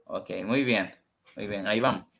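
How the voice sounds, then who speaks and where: A man's voice: lowish voice, normal speed, a bit bright, muffled recording. A man teaching an online English lesson, patiently repeating each word several times. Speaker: English tutor.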